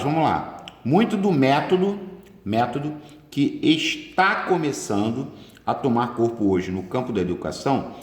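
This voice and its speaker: A man with a Brazilian Portuguese accent teaching a grammar lesson for exam prep, stretching words for emphasis. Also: on the high side. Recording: roomy echo with long reverb.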